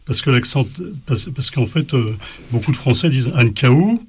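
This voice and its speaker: Male teacher, casual spoken lesson, halting delivery, faint hiss with clicks. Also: medium pitch, a little mellow. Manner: hesitant, many fillers and restarts. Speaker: language teacher.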